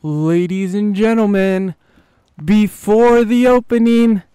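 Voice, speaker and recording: A man voicing a hyped male monster truck arena announcer in an improvised role-play, with a drawn-out, booming showman delivery. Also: fairly even intonation, warm tone, clean tone, no room sound.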